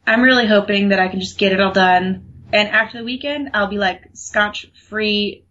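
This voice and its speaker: A woman's voice: medium pitch, moderate pace, a bit bright, slight background noise. A young woman co-hosting a podcast in casual chat, talking freely with lots of fillers and laughs. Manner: chatty, laughs often, many fillers. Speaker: podcast co-host. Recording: muffled lo-fi recording.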